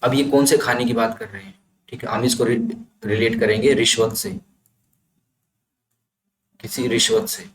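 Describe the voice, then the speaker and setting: A man's voice: medium pitch, fairly even intonation, normal speed, long pauses. Male teacher explaining words in an echoey room. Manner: explains step by step, often adds "ठीक है" to check understanding. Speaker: vocabulary teacher. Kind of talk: explanatory lesson with mnemonics. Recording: echoey room, faint ambient noise.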